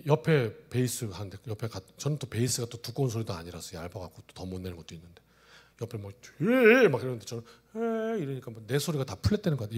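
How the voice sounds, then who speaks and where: A male pastor in his forties preaches a sermon in a church sanctuary, telling stories and swinging between loud exclamations and hushed asides. His voice is mid-range and husky.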